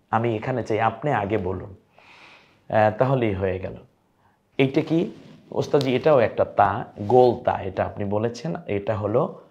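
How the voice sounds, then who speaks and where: A man's voice: medium pitch, a little mellow. Man teaching Arabic letters on a dull recording. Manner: coaxing, repeats letter names for viewers to echo. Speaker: Quran teacher.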